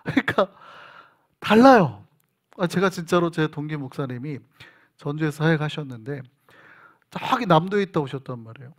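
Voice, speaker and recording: A man preaching a sermon as pastor, telling stories in an animated way and acting out bits of dialogue. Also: on the high side, normal speed, pauses often. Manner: storytelling, animated, acts out dialogue. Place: church sanctuary.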